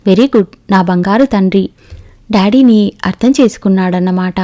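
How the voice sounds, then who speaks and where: A woman reading the lines of a young wife in an audiobook story, in a soft, mellow voice. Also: mid-range voice, moderate pace, close to an everyday voice. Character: young pregnant wife, cheerful then grief-stricken.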